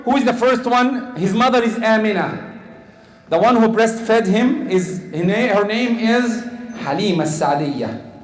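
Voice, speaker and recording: A man's voice: high-pitched, unhurried, reverberant, low-quality recording. A man from Egypt preaching a sermon, asking the crowd questions, repeating words as he goes.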